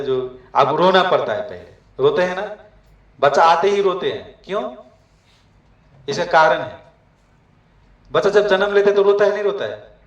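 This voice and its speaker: A man's voice: on the high side, muffled recording. A man from Nepal gives a devotional talk to migrant workers and keeps asking his listeners questions. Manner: asks the audience questions often. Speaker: preacher. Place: room abroad with a gathering. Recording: echoey room, from far off.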